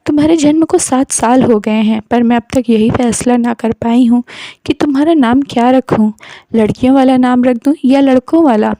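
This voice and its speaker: A woman voicing a loving, grieving mother in a dry, close recording, speaking softly and tenderly. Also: a little high, normal speed, no echo, natural voice.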